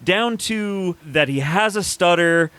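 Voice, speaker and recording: A man's voice: sits high, lively intonation, takes it slowly, a bit bright, clear, resonant tone. A man hosting a horror film podcast, chatting casually and enthusiastically with frequent restarts and casual swearing. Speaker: podcast host.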